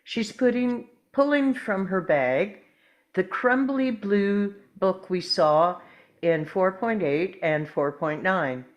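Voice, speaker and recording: A woman with a mid-range voice reads screen directions from a script at a slow pace, in the present tense, during a table read as the stage directions reader.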